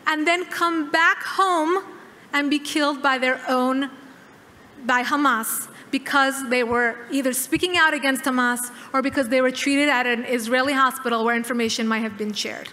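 A woman in her thirties giving a formal keynote speech at a podium, measured and emphatic with dramatic pauses. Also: sits high, steady tone, bright, forceful tone. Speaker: keynote speaker. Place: large dark hall, at a podium. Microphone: podium microphone. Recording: hall reverb.

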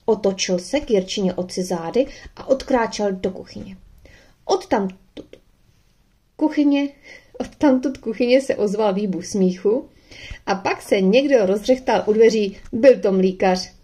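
A woman calmly narrating a children's adventure audiobook. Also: medium pitch, husky. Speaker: audiobook reader. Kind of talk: storybook narration.

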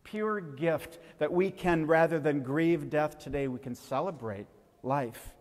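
Man, pastor, funeral sermon, gentle storyteller, slightly high voice, echoing sanctuary. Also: measured pace. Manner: gentle storyteller, speaking to children. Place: church sanctuary. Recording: reverberant church hall.

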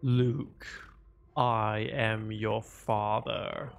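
A man's voice: lowish voice, fairly even intonation, drawn-out words, vocal fry. A man streaming a game and talking through a demonic, layered voice-changer effect. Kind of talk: casual live game-stream chat.

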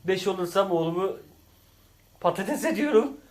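This channel host and father has a high voice with lively intonation, speaking at a moderate pace against background noise. In his relaxed family vlog he jokes around, announces game scores, and laughs in bursts.

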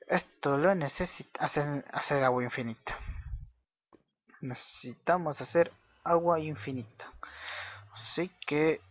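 A man giving casual gameplay commentary as a video host, chatting to himself and repeating words in quick bursts while he plays. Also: fairly high pitch, dry recording. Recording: slightly dull lo-fi audio with faint music.

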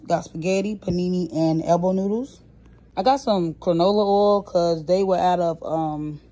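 A young woman chatting casually while she shows off her groceries, filmed on a phone at home. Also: fairly low pitch. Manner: relaxed, chatty listing of items with fillers. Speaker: vlogger showing a grocery haul. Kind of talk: casual chat. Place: indoors at home, off camera. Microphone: phone camera held while filming items.

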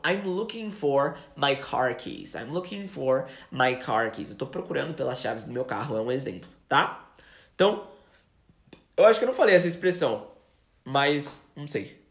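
Chatty Brazilian teacher in echoey room. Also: male voice, fairly high pitch. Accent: Brazilian Portuguese. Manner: chatty, switches into slow English examples. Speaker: English teacher. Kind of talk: casual live-stream English lesson.

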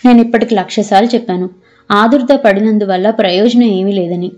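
A woman's voice: mid-range voice, normal speed, warm tone, faint music behind, lightly acted. A woman narrator voicing a middle-aged male doctor who lectures his patient reproachfully.

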